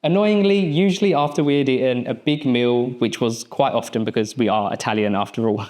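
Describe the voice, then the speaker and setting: A man's voice: on the high side, darkish tone. A young adult man, a mindset coach, giving a motivational speech on an event stage and telling a personal story in short, punchy phrases.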